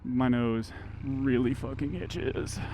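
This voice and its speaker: A man's voice: medium pitch, slow. A man talking casually from inside a motorcycle helmet as he rides, rambling informally and interrupting himself, with some mild swearing. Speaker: motorcycle vlogger. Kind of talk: casual rambling vlog while riding. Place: outdoors, riding a motorcycle in traffic. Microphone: microphone inside a helmet. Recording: road and engine noise, inside helmet.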